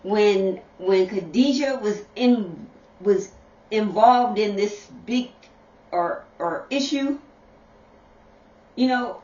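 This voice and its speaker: Slow-talking woman, distant and roomy. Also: a little high. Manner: slow, repetitive, chatty, addresses viewers as y'all. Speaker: vlogger, mother. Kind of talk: casual direct-to-camera talk. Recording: dull, roomy, distant camera audio.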